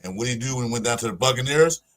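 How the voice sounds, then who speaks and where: A man's voice: medium pitch, expressive, rapid-fire, soft background music. A man in his sixties on a casual podcast panel, speaking bluntly in short punchy sentences. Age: 60s.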